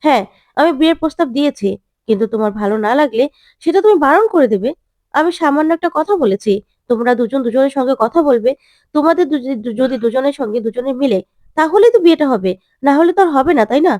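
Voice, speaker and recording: A woman voicing a gentle middle-aged uncle in a retold serial, speaking in a coaxing, reasoning way. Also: sits high, animated, quick pace, no room sound, studio quality.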